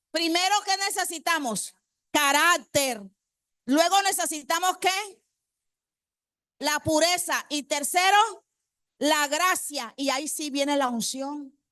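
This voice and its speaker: A woman's voice: very high-pitched, a bit bright, no room sound, studio quality. A woman preacher delivering a congregational sermon. She quizzes the congregation with rhetorical questions and repeats key phrases for emphasis.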